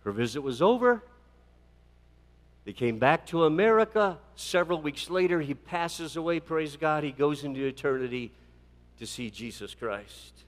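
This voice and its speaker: A man preaching a sermon, telling a long story with dramatic swings between loud fervent peaks and quiet passages, often repeating words as he restarts. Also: fairly high pitch, animated, normal speed. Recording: long hall reverb.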